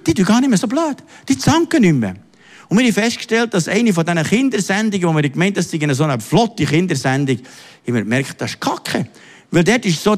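Animated preacher, man. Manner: emphatic, swinging between low asides and high exclamations. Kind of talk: sermon.

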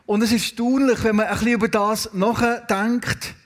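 A man with a Swiss German accent preaches a sermon, his voice sitting high for a man. He tells the stories in a lively way and turns to the congregation with questions. A long reverb from the hall trails after each phrase. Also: moderate pace. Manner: storytelling, asks the congregation questions.

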